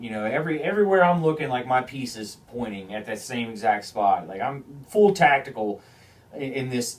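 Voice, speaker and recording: A man hosting a podcast, telling a hunting story in a casual, animated way, swearing often and restarting his phrases. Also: medium pitch, far from the mic. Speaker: podcast host.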